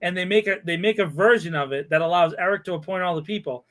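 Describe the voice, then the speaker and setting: High-voiced man ranting sarcastically. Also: fast. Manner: animated, sarcastic ranting with frequent laughter. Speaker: podcast host. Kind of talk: casual podcast chat.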